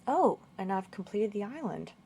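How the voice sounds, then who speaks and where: A woman's voice: medium pitch, very animated, normal speed, creaky, dark tone, husky. A woman playing through a game walkthrough, thinking aloud and muttering confused questions as she goes. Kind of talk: casual gameplay commentary.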